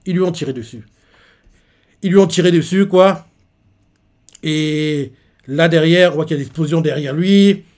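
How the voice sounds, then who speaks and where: A man's voice: on the high side, moderate pace, long pauses, darkish tone. Chatty French man reacting to a manga. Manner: chatty, many fillers, speculates aloud. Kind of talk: live manga reading reaction.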